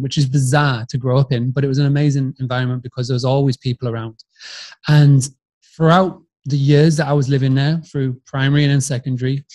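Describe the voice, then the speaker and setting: With a medium-pitched, darkish voice and a Yorkshire accent, a man in his forties shares his story on a podcast in a relaxed interview. He's warm and chatty, restarting sentences and repeating words often.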